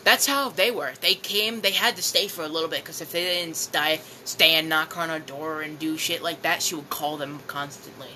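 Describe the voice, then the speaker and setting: A young man with a bright, forward voice tells stories in a loose, casual chat. He laughs easily and swears freely as he goes. A faint hiss of room noise sits under him. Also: on the high side, normal speed, few pauses, rough recording. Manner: laughs often, swears casually, animated retelling. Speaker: podcast guest.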